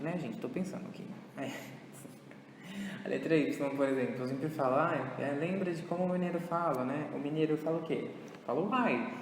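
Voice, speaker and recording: A man teaching an English lesson with a Brazilian Portuguese accent, slow and patient as he moves between Portuguese and English. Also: a little high, slight background noise. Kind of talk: recorded online lesson. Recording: echoey room with long reverb.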